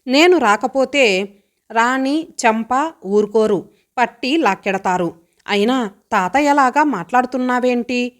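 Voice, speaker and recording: A woman's voice: fairly high pitch, close to an everyday voice. A woman voicing a headstrong, teasing college girl who answers back boldly. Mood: defiant. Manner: bold, mocking, quick retorts.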